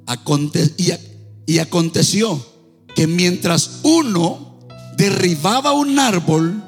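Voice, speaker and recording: A man preaching with a strikingly high, swooping voice, half singing his lines and breaking into shouts. He takes his time, leaning on slow, drawn-out phrases. His voice rings through a reverberant church hall over faint music. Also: lively intonation, slightly rough. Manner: fervent, half-sung delivery with shouted peaks. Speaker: pastor. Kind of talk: preaching a sermon. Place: church sanctuary.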